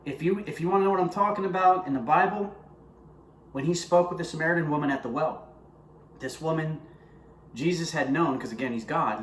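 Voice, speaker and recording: A man talks earnestly to camera about his own faith and speaks straight to his viewers in a conversational way. His voice sits in a middle pitch and carries a roomy echo. A faint ambient noise sits underneath. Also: fairly bright tone. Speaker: vlogger sharing his faith. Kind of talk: personal testimony to camera.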